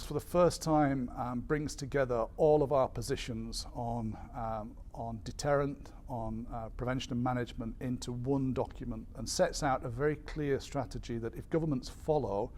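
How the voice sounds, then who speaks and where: Hesitant male industry spokesperson, measured delivery. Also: medium pitch, steady tone, a little mellow, slight background noise. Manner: measured, hesitant, with frequent ums and repeated words. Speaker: airline industry association spokesperson. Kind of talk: explanatory briefing to media.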